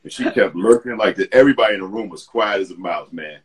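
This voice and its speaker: A man telling a story in casual chat on a live video call, animated and acting out the voices of the people he quotes. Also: lowish voice, fast. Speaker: guest.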